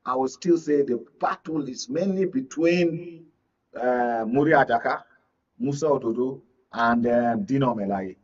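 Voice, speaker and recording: Here a Nigerian man speaks a little slowly in a medium-pitched voice with a breathy edge. As a guest media analyst, he gives emphatic political commentary in a discussion, hammering points home and confirming the listener understands. The recording sounds muffled and lo-fi, captured from a distance.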